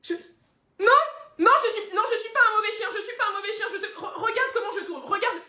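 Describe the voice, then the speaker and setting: A woman's voice: extremely high pitch, fairly quick, roomy sound, voice pushed up, full character voice. A woman doing a frantic, needy pet dog. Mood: pleading. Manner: frantic, shouting and pleading. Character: excitable pet dog, needy and barking-mad.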